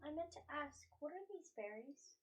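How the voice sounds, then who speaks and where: A woman's voice: high-pitched, lively intonation, moderate pace. A woman playing a tabletop role-playing game, speaking in character in a playful, impulsive way.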